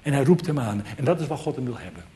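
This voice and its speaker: A man's voice: mid-range voice, animated, fast, mellow. A man preaching a sermon, earnest and emphatic, repeating key phrases for weight.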